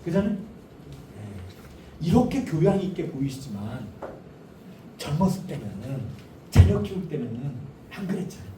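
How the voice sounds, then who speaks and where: Middle-aged male lecturer, high and very animated, playful with the room, distant hall mic. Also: moderate pace, long pauses. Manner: animated, jokey, asks audience questions. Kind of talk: lively family-education lecture. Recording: echoey hall, distant mic, faint noise.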